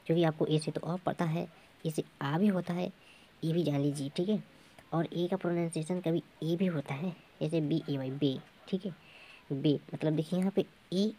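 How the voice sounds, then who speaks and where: Mellow-voiced man teaching patiently. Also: on the high side. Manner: patient, repetitive, often confirms with "ठीक है". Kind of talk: explaining English pronunciation to students.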